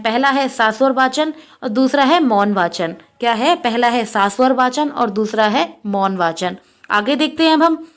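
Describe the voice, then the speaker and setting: A young woman with a high voice teaches an exam-prep class. She goes over each point more than once and puts questions to her students that she answers herself. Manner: repeats points and asks then answers her own questions.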